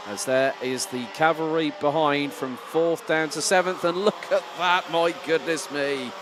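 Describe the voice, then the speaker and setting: A male motorsport commentator calls a live kart race in a somewhat high voice. He uses colourful, dramatic phrasing to describe the action. Clear trackside engine noise runs behind him.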